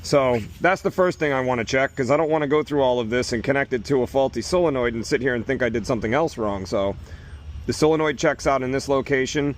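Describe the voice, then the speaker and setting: An irrigation technician talks fast in a medium-pitched male voice, with a faint hiss or hum in the recording. Working outdoors at a job site, he casually walks through each repair step in plain, practical terms as he goes.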